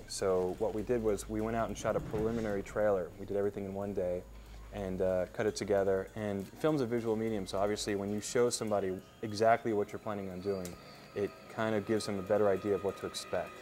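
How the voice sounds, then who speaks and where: A man's voice: lowish voice, darkish tone, a little hiss or hum. A man speaking as a film director in a behind-the-scenes interview, explaining his work in a reflective way.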